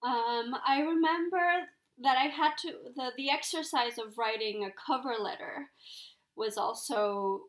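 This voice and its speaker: A young Ecuadorian woman whose first language is Spanish speaks as a guest in a casual interview. Her voice is fairly high and she talks a little slowly, thinking things through and filling gaps with plenty of "um" and "like."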